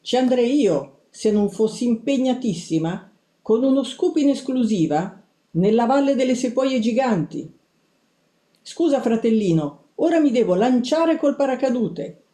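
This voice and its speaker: A woman voicing an excited young female mouse reporter who talks in an urgent, insistent rush. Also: fairly high pitch, voice pushed up. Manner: urgent, rapid-fire, insistent. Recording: roomy echo.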